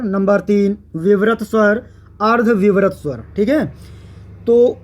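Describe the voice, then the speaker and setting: A man teaching a grammar lesson, speaking slowly and patiently and repeating each definition so that students can write it down. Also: sits high, a little mellow. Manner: slow and patient, repeating definitions for note-taking. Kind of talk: classroom lecture on grammar.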